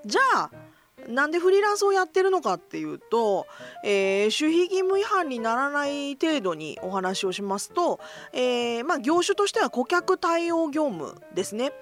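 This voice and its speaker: A woman's voice: sits high, very animated, moderate pace, soft background music. A middle-aged woman hosting a casual solo radio-style talk, self-deprecating and joking, mixing polite forms with slang. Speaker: host of a solo voice blog.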